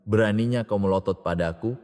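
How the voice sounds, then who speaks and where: A man voicing an arrogant, domineering older woman who runs a company and shouts with scorn, in a storybook reading with long reverb. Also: on the low side, a little fast, close to an everyday voice. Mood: furious scolding.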